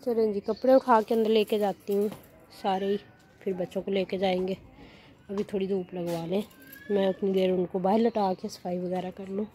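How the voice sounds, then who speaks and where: A young mother vlogging at home, coaxing her babies in soft baby talk and calmly explaining their routine. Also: mid-range voice, normal speed, slight background noise. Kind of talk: casual home vlog. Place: at home, indoors and in a sunny yard.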